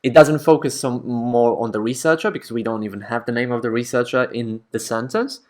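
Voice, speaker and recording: A man's voice: medium pitch, fairly even intonation, a little fast. A man teaching academic writing in a casual, conversational way, often checking in with the listener. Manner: conversational, checks in with frequent "right?".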